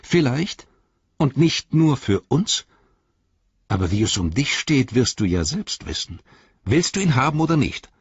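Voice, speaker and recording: A man voicing a young male hobbit bargaining persuasively with urgent speech, husky-voiced, in a slightly dull recording. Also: mid-range voice, sing-song, unhurried, no echo, voice pushed up, heavily acted. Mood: shrewd bargaining.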